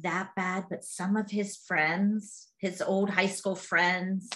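A woman's voice: mid-range voice, level tone, slow, a bit bright, a little hiss or hum. A middle-aged woman from Pittsburgh with a Pittsburgh accent, chatting casually as a podcast co-host. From Pittsburgh, USA. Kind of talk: casual chat.

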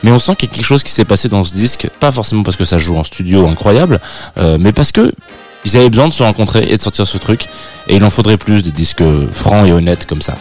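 A man's voice: lowish voice, animated, fast, faint music behind. A man hosting a radio show, chatting casually between records and often restarting as he searches for words. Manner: hesitant, many restarts while searching for words. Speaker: radio host presenting records. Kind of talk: casual on-air chat. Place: radio studio.

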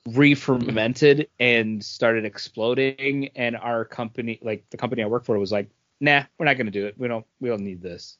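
Speaking at a normal pace with few pauses, a man in his forties with a mid-range, slightly bright voice rambles through a casual beer-review chat, circling back over his own phrases like a podcast co-host. There's no echo, and the sound is very dry and a little muffled.

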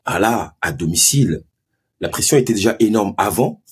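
Low, husky Marseille-accented man. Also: moderate pace. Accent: Marseille French. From Ivory Coast and Marseille. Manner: animated, lively storytelling with many restarts. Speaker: guest, former pro footballer turned sports marketing agency head. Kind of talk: casual podcast interview.

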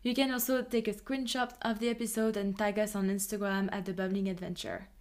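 A woman's voice: medium pitch, little pitch movement, a little fast. Upbeat woman podcast host. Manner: upbeat and enthusiastic. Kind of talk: podcast introduction and interview.

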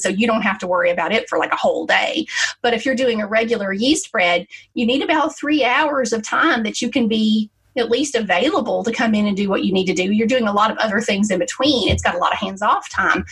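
A woman's voice: mid-range voice, a bit bright, breathy edge. A woman giving casual baking advice in a chatty, storytelling way, lifting her voice to act out quotes. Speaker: baking guest giving tips.

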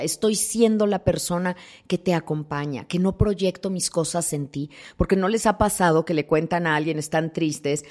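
A woman's voice: fairly low pitch, darkish tone. A woman speaking as a thanatologist guest in an interview, talking expressively and acting out the voices she quotes. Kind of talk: interview conversation.

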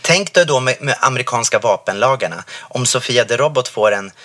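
A man's voice: mid-range voice, fairly bright tone. A man co-hosting a casual podcast chat, talking animatedly with many restarts. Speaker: podcast co-host.

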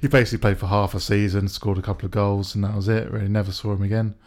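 A man co-hosting a casual podcast chat, pausing often with ums and laughing as he talks. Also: lowish voice, level tone, a little mellow. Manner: hesitant, lots of ums and laughs. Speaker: podcast co-host.

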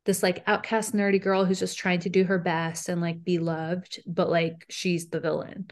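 Young woman, podcast co-host, low-ish voice, casual and animated, filler-heavy. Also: normal speed. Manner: animated, frequent "like" and "um", laughs between lines. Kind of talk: casual chat.

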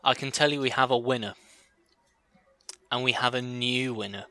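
A man's voice: mid-range voice, fairly even intonation, normal speed, pushed and bright, no echo. A man hosting a casual podcast quiz with friends, teasing and laughing often. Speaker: quiz host.

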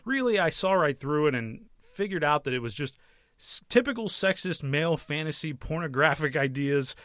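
A man's voice: fairly high pitch, lively intonation, normal speed, a bit bright, no room sound. An American man in his thirties hosting a casual solo podcast in a wry, conversational way, recorded close in a small closet. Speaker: podcast host and movie and TV critic.

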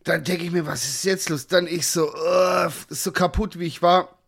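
A man co-hosting a podcast, telling stories in a casual chat with an animated, ranting delivery full of slang and swearing. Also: high voice, moderate pace, breathy edge. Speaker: podcast co-host.

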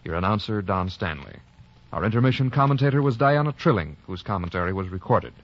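An American man working as an old-time radio announcer, speaking in a formal, measured announcer delivery on a vintage broadcast. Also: fairly low pitch, lively intonation, dull audio.

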